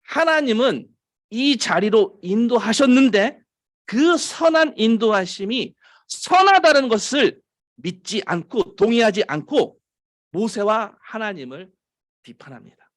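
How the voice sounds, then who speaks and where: A Korean man preaching a sermon as pastor, rising to emphatic lines and dropping to low, quiet asides, stretching out key phrases. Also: lively intonation, unhurried.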